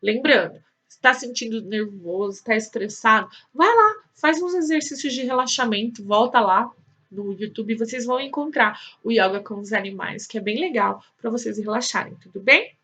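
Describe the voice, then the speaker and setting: A woman's voice: fairly high pitch, expressive, moderate pace, pushed and bright. A woman teaching a remote lesson to young children, asking questions and stretching out words in a sing-song way. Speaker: primary school teacher.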